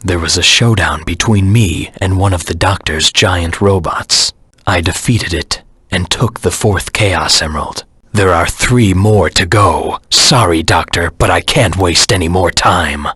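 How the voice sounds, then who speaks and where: Shadow the Hedgehog, raspy low-voiced antihero. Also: male voice, a little slow, a bit bright, no room sound, exaggerated voice. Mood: menacing, defiant. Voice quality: gravelly, husky. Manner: terse, solemn, menacing delivery. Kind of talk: video game character voice acting.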